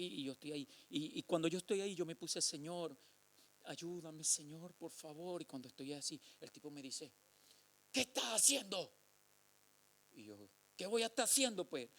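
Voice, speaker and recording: A man preaching a sermon, telling a personal testimony and calling listeners brother, building to drawn-out shouted exhortation. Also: on the high side.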